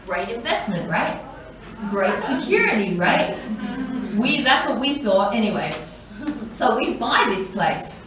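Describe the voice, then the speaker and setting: A middle-aged woman church leader shares a personal testimony, telling it with animation and acting out the voices of the people in her story. Her voice sits a little high. It comes from some distance off the mic and rings through a large echoing hall, with a faint hiss behind. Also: measured pace, a crowd in the background. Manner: animated storytelling, acts out voices in quotes, laughs often. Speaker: church leader, women's day speaker. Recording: echoey hall, mic from far off, faint noise.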